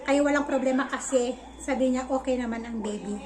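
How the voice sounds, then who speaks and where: A woman's voice: sits high, a little fast, a little mellow, rough recording. A young woman with a Filipino accent chatting casually in a vlog, searching for words with many fillers. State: slightly out of breath. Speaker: vlogger.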